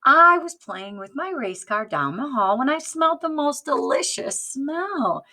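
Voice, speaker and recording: An eager, hungry little boy from a storybook as played by a woman reading aloud. The voice is raised in pitch and swings up and down, stretching out words with excitement. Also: a little slow, full character voice.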